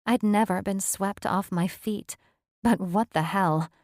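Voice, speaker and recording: A woman's voice: medium pitch, measured pace, darkish tone, dry recording, clean studio sound. A woman reading a romance audiobook aloud, voicing the characters' lines lightly within her narration.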